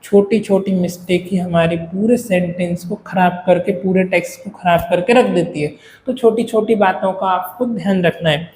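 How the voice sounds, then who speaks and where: Speaking in Hinglish peppered with "है ना", a male lecturer works through the material step by step and checks in with his class. His high voice is steady and a little mellow at a moderate pace, recorded in an echoey room with faint ambience and slight background noise.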